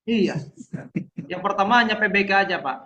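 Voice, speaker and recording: A high-pitched man with a bright, forceful tone leads an online training session. He talks in a chatty way, constantly addressing his listeners. The audio is dull and lo-fi, like a video call. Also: normal speed. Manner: chatty, addresses audience as sir and madam often.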